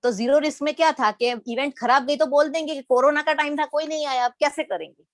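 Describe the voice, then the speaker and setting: A middle-aged woman from Gujarat sharing her personal story in a lively storytelling manner, acting out the quoted lines. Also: high-pitched, fairly quick, dry recording. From Gujarat, India. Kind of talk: personal testimony talk.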